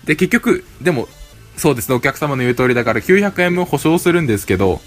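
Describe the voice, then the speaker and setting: Fast-talking man in casual chat. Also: mid-range voice, sing-song, faint music behind. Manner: storytelling, quoting phone calls. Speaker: podcast co-host.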